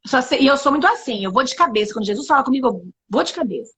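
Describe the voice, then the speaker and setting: High-voiced Brazilian woman telling a story. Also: racing, slightly rough. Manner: animated storyteller, acts out dialogue. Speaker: interview guest. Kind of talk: casual testimony interview.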